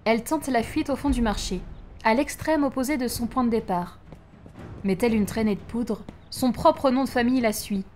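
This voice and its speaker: A woman narrating a story aloud with an expressive delivery. Her voice sits a little high, and she acts out the scenes as she reads. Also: normal speed, soft background music. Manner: expressive, acting out each line.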